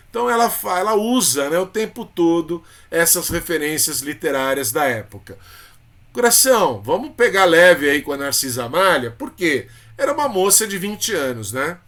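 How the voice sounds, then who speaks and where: A man's voice: high voice, a bit bright. A man with a Brazilian Portuguese accent teaching a literature lesson for exam prep, chatty and informal, with frequent tag questions and fond terms of address for his students.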